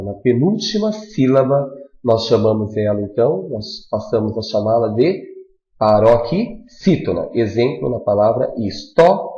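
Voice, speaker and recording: Teacher, slow and emphatic. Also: male voice, medium pitch, warm tone. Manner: slow, emphatic, spelling out syllables. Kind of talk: classroom review lecture. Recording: dull echoey classroom recording.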